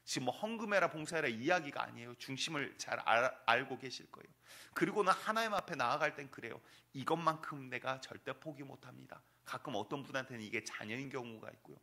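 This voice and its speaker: Male pastor, sermon, emphatic, rhetorical questions, bright forceful tone, church sanctuary. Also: medium pitch, fast, hardly any pauses.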